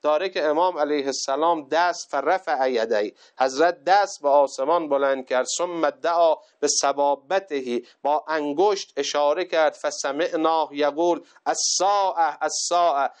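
A man's voice: fairly high pitch, hardly any pauses, clear, resonant tone. A man preaching a sermon, telling a religious story and exhorting listeners with rising passion.

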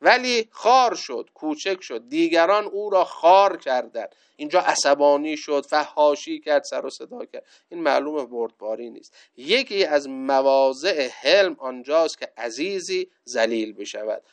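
A man's voice: fairly high pitch, expressive. Resonant-voiced male preacher. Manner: recites Arabic sayings slowly, then explains them in lists. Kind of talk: religious lecture.

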